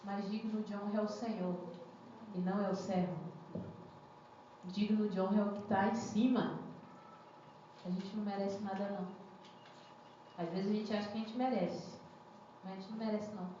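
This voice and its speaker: A young woman preaches conversationally to a congregation she keeps questioning, her medium-pitched voice level and dark in tone, at a moderate pace with long pauses. The recording from an echoey church hall is muffled and lo-fi, with slight background noise.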